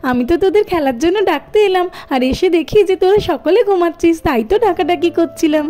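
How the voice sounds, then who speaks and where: A woman voicing a bossy, playful older girl in a doll cartoon, calling loudly to wake her friends. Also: very high voice, fast. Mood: explaining. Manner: loud, scolding calls.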